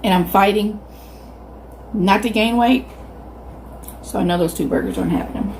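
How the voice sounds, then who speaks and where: A woman in her fifties with a Southern US accent, telling a casual, animated story to viewers as she hosts a mukbang, chewing while she talks. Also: mid-range voice, moderate pace, gravelly, a little hiss or hum. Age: 50s. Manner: animated, acts out quoted reactions. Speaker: mukbang video host.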